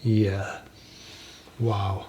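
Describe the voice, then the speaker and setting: A soft-spoken man hosting a spirit box session, asking gentle questions slowly and leaving pauses for an answer. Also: on the low side, little pitch movement, slight background noise. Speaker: paranormal investigator, host.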